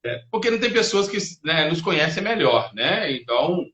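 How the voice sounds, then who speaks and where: A man hosts an interview, picking up on his guest's ideas in a thoughtful way. He keeps ending his sentences with little questions for agreement. His voice sits a bit high and rings in a roomy, echoey space. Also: sing-song, moderate pace, noisy background. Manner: reflective, tags sentences with "né" and "não é mesmo". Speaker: interview host. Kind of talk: interview talk. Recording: roomy echo.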